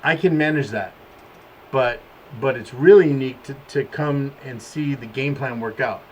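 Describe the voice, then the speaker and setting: A man's voice: medium pitch, moderate pace, slight background noise, low-quality recording. A man, the team owner hosting the show, chatting casually and acting out quoted exchanges as he tells stories. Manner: animated storyteller, acts out quoted exchanges. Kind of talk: casual podcast chat.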